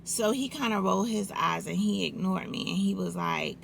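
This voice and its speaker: A woman vlogger, telling a casual storytime in an unhurried, reflective way with restarts. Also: medium pitch, lively intonation, vocal fry, a little hiss or hum.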